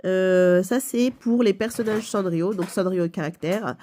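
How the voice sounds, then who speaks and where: A woman's voice: mid-range voice, a little slow, dark tone, a little hiss or hum. A woman with a stuffy nose from a cold, explaining a game casually with many fillers and self-corrections. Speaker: video game channel host.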